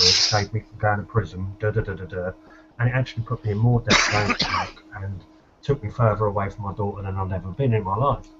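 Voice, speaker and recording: A man's voice: lowish voice, heavy background noise. Man, blunt and colloquial, casual storytelling, dull lo-fi recording. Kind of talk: casual storytelling in a group discussion.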